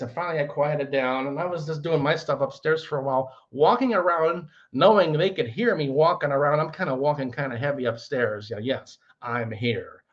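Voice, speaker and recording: A middle-aged man telling a rambling landlord story, acting out quotes in sudden shouts. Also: a little high, highs cut off. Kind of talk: casual storytelling vlog.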